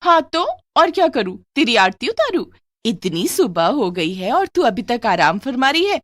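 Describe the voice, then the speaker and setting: A woman's voice: a little high, very animated, normal speed, a bit bright, no echo, studio quality, pitched above the performer's own voice. A woman voicing a scheming middle-aged aunt in a cartoon, syrupy one moment and barking harsh orders the next. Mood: harsh bossy.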